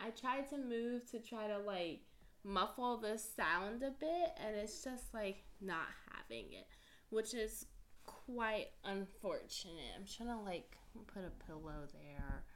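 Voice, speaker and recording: A woman's voice: a little high, animated, slow, fairly bright tone. Bubbly chatty woman podcast host. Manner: bubbly and chatty, full of "like" fillers; apologetic and self-mocking. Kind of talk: casual chat.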